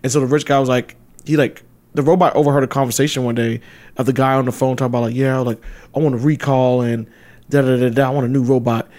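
Male podcast co-host, casual and animated storyteller who laughs easily. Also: medium pitch, fast talker. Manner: laughs often, retells stories with animated voices.

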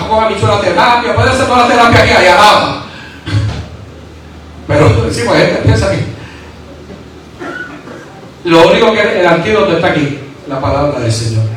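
A very high-pitched man preaches with fervor in short, repeated, exclamatory bursts. His voice comes from far off the microphone and echoes heavily around a large church. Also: moderate pace, long pauses, fairly bright tone, slight background noise. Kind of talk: sermon and prayer.

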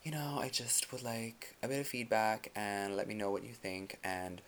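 A man hosting his own podcast in casual solo talk, soft-spoken and sassy, with many ums. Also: fairly low pitch, steady tone, moderate pace, slight background noise. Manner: sassy slang, calls listeners girl. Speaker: podcast host.

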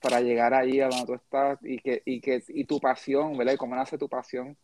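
A man's voice: medium pitch, little pitch movement, brisk, darkish tone, dry recording. A man hosting a casual podcast interview, chatty and rambling with frequent restarts. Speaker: podcast host.

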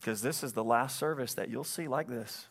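At normal speed and with a fairly bright tone, a mid-range male voice preaches from the stage of a church sanctuary into a stage microphone. The pastor is earnest, repeatedly calls for an amen, and tends to say things twice.

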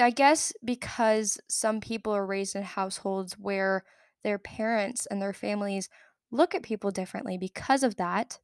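A woman's voice: medium pitch, no room sound. Chatty young woman podcaster, dry sound. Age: young adult. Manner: chatty, rambling, self-correcting. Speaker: podcast host. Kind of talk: casual solo podcast storytelling.

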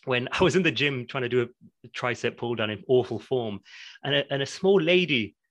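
A man's voice: mid-range voice, lively intonation, brisk, fairly bright tone, dry recording. Thoughtful man, dry close sound. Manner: reflective and discursive, laughs lightly while explaining. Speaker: podcast guest, academic in learning development. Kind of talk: conversational interview.

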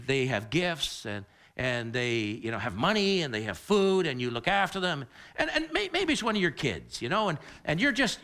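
A man preaching with a high, lively voice that swings up and down. His tone is bright and ringing, and he stops and restarts his phrases as he reasons aloud. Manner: animated, halting with many repeated starts. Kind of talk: sermon.

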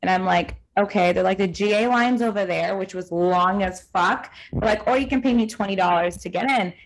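A young woman from Southern California co-hosting a podcast, telling animated stories in casual chat with plenty of swearing and acted-out quotes. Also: mid-range voice, a little fast, gravelly, poor audio. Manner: animated storytelling, profane, lots of quoted dialogue. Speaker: podcast co-host.

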